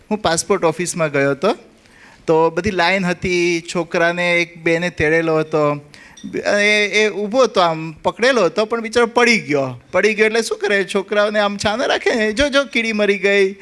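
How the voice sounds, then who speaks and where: A man with a Gujarati accent telling humorous anecdotes to an audience, acting out the characters' lines with lively energy. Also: high voice, clean tone. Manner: animated storyteller acting out the characters. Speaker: comic speaker at a spiritual gathering.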